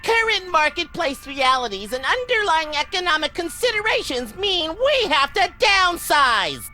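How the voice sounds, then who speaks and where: An actor playing a bratty, gleefully evil young prince of hell in a video game, with drawn-out, gloating delivery. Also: very high voice, big pitch swings, pushed and bright, heavily acted. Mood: smug, scornful. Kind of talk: video game character acting. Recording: music behind the voice.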